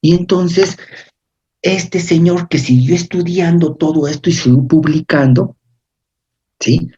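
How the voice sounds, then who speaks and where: Guy lecturing on physiology, dark husky voice, kinda dull lo-fi recording. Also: a little high, slow pace. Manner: explanatory, checks in with frequent "¿sí?". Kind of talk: university lecture.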